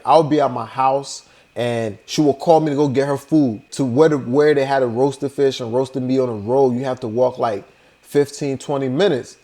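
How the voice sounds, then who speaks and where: A man's voice: mid-range voice, mellow. A young man, casually telling a personal story to his vlog audience, laid-back and loose, full of "you know" and "like". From Liberia. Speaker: vlogger.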